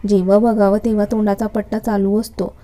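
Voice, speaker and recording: A stern, irritable young lecturer, curt and scolding, as a woman reads him aloud. The voice is deeply dark and mellow, with little rise and fall. It sounds like a storybook reading. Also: little pitch movement, fairly quick, lightly acted. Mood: irritated.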